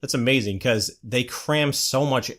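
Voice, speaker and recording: A man's voice: medium pitch, a little slow, a bit bright. Enthusiastic male podcast co-host. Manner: enthusiastic, asks the questions. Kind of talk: casual chat.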